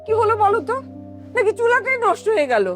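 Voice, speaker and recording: An actress playing a fretful middle-aged mother and wife who complains and hushes her family. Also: very high-pitched, big pitch swings, fast, faint music behind, heavily acted. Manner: complaining, hushing. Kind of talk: TV drama acting.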